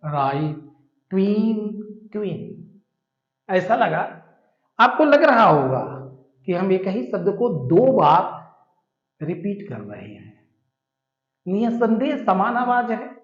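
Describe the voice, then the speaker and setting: A man teaching a vocabulary lesson, explaining terms patiently, repeating words and spelling them out letter by letter. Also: sits high. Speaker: English teacher. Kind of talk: classroom-style explanation of vocabulary. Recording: echoey, dull lo-fi room.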